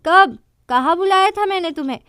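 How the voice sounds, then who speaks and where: A woman's voice: very high-pitched, animated, a little fast, fairly bright tone, no room sound, studio quality, voice pushed up. A woman voicing a flustered, evasive young woman in a drama recap. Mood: urgent.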